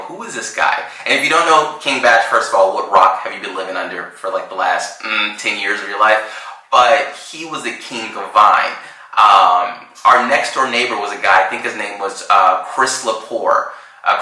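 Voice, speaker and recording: A man in his thirties co-hosts a casual podcast, spinning an animated story full of slang and laughter. His voice sits a little low but sounds bright and forceful. The room around him rings with heavy echo. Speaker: podcast co-host.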